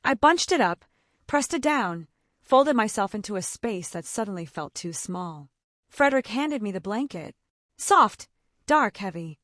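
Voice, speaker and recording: A woman narrating a first-person story in a lively, expressive reading style. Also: mid-range voice, moderate pace, no room sound, studio quality.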